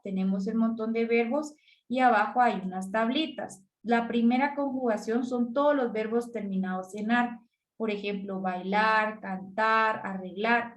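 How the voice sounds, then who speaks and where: A woman teacher patiently explaining grammar exercises step by step to her pupils. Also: fairly high pitch. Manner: patient, step-by-step, asks and answers own questions. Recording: echoey room.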